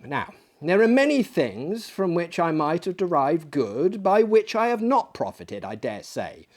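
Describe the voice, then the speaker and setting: A man reading a classic story aloud, voicing a cheerful, warm-hearted young nephew with bright, upbeat exclamations. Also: a little high, sing-song, measured pace, pitched above the performer's own voice. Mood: pleading.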